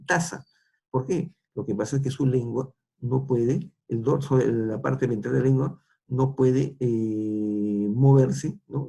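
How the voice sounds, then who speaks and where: A man's voice: medium pitch, gravelly, warm tone, husky. A middle-aged man with a Peruvian accent, lecturing students and tagging nearly every phrase with a question, with frequent restarts. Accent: Peruvian Spanish. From Peru.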